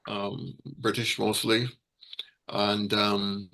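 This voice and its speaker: A man from Barbados giving an informal talk as a guest speaker, halting, with many fillers and restarts. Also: fairly low pitch, level tone, vocal fry, bright, forceful tone, poor audio. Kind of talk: hesitant informal presentation.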